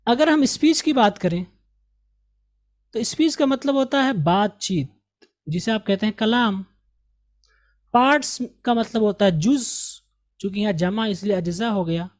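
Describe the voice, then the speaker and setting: A man from India teaching an English lesson, repeating example sentences slowly and carefully to correct pronunciation. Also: high-pitched, animated. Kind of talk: recorded language lesson.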